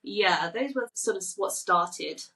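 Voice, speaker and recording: A woman's voice: medium pitch, expressive, slow, a bit bright, recorded from a distance, poor audio. A woman in her forties, from Thailand, talking casually as a guest on a podcast and telling stories with light laughs. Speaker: children's book author.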